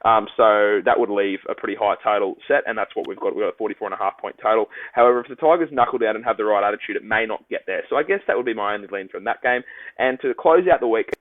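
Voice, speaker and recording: Fast-talking man with a phone-like sound. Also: on the low side, dry recording. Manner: rapid-fire, like an auctioneer. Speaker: podcast host, sports tipster. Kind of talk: solo betting podcast talk. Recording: dry, phone-like lo-fi audio.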